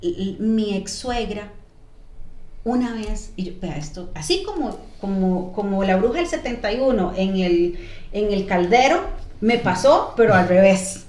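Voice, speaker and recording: A woman, a podcast guest, telling her life story casually in an animated, lively way. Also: a little slow. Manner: animated, lively storyteller who jumps in pitch when quoting herself. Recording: echoey room.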